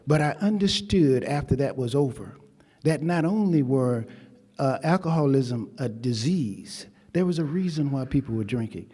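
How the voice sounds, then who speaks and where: A man's voice: mid-range voice, expressive, normal speed, warm tone, husky. Older man, storytelling speech, echoing hall. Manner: storytelling, emphatic, folksy. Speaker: convocation speaker. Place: ceremony hall. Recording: long hall reverb.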